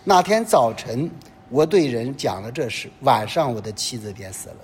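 Man preaching with lively pitch. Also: moderate pace, breathy edge. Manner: animated preaching full of rhetorical questions. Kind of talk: sermon. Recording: long reverb with faint low rumble.

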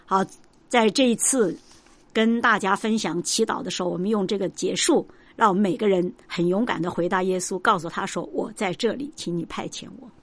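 A woman's voice: mid-range voice, a little fast. Earnest woman hosting a devotional program. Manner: earnest, retells Bible scenes with many fillers. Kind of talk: reflective spiritual sharing, conversational.

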